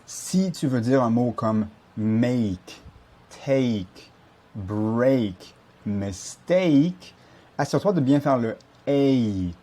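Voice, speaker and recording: A man's voice: mid-range voice, darkish tone, husky. A man teaching a pronunciation lesson as a language coach, patiently explaining and repeating sounds to demonstrate them.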